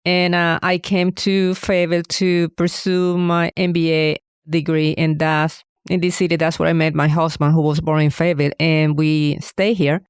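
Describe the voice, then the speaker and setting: A woman's voice: sits low, little pitch movement, moderate pace, hardly any pauses, clear, resonant tone, no echo, studio quality. A middle-aged woman from Venezuela, telling her story as an interview guest in an earnest, reflective way. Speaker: guest, bakery owner. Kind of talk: casual interview answers.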